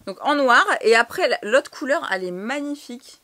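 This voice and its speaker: A woman's voice: fairly high pitch, lively intonation, moderate pace, pushed and bright. A young woman from France chatting casually through a clothing haul, slangy and swearing now and then. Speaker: fashion vlogger.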